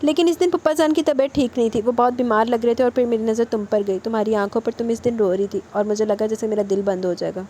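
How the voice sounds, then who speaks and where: A brooding young husband pleads his case in a romance audiobook, as a woman reading aloud voices him. He lectures earnestly and insistently, in a fairly high, mellow voice. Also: hardly any pauses, a little hiss or hum, lightly acted. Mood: confessing.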